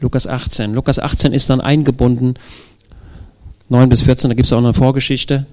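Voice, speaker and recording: A man preaches to his congregation in an emphatic, searching voice. He keeps asking rhetorical questions and stretches out key phrases to give them weight. His voice sits at a mid pitch. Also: level tone, moderate pace, darkish tone. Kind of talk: sermon.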